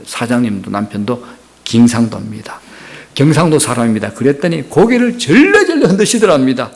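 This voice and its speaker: A middle-aged pastor from the region, preaching earnestly and speaking straight to the congregation. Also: male voice, mid-range voice, vocal fry. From Gyeongsang region, Korea. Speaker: senior pastor. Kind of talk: sermon.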